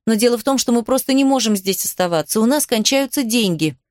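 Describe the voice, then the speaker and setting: A woman's voice: a little high, expressive, quick pace, no room sound, studio quality, natural voice. A woman voicing a stern, anxious elder sister who speaks sharply and with exasperation. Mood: exasperated stern.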